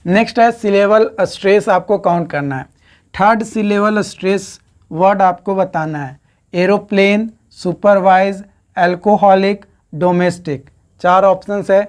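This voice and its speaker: A woman gives a recorded exam-prep lecture at an unhurried pace. She counts out syllables one by one and echoes her own questions back as answers. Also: mid-range voice, a little mellow. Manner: slow, repeats questions and answers to students; counts syllables aloud while writing. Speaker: teacher.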